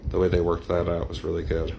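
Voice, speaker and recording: Middle-aged male streamer, deep register, loose discursive chat to a live audience. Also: completely flat delivery, fast talker, gravelly, mellow, a little hiss or hum. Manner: rambling, discursive. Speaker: livestream host and poet. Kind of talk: casual chat with live viewers.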